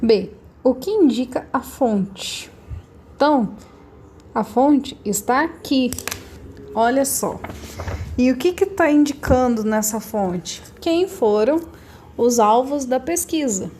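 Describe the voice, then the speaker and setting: Brazilian woman teacher, patient and mellow. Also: high-pitched, lively intonation, slow pace, slight background noise. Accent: Brazilian Portuguese. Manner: patient, explains step by step with rhetorical questions. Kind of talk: recorded lesson correcting homework.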